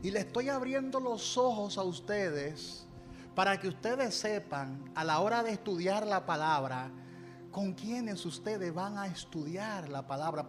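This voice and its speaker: A male pastor preaching a sermon with emphatic, repeated refrains, calling on the congregation to repeat his words after him. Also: high voice.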